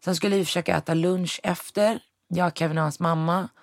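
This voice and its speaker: Brief: young woman, guest, gravelly fry, dry close sound, storytelling that acts out the dialogue. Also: fairly low pitch, steady tone, no echo. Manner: retells events with quoted dialogue, mixes in English words. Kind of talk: personal storytelling in conversation.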